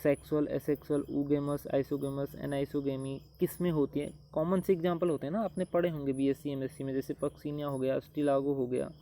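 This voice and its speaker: A man's voice: on the high side, level tone, fairly quick, few pauses, dark tone, a little hiss or hum. A man teaching biology, explaining an exam syllabus step by step with many examples, speaking.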